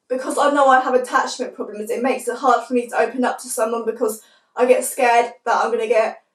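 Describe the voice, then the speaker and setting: A young woman vlogger with a fairly high voice chats casually to camera, sounding croaky and stuffed-up from a cold. She rambles softly and uses "like" a lot. The audio is roomy and a bit distant, as though the mic sits across her bedroom.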